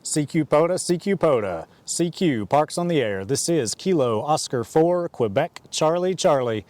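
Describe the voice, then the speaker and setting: A man operating an amateur radio outdoors in a park, making a ham radio call and spelling out his call sign in phonetic alphabet with a steady, repetitive procedure cadence. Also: fairly high pitch, moderate pace.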